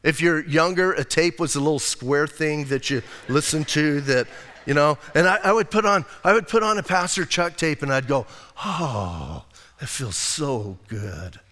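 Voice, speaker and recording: An older male pastor preaching in a church sanctuary, his voice a little high for a man and trailing a long reverb through the hall. He talks in a conversational, emphatic way, dropping into casual asides. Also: moderate pace, pushed and bright. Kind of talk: sermon.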